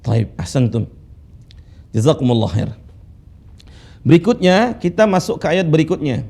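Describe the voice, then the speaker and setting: A man teaching Quran recitation rules, patiently drilling students with slow, drawn-out recited phrases. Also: on the high side, big pitch swings, creaky, warm tone, breathy edge. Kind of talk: tajwid lesson with recitation drills. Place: classroom studio with whiteboard.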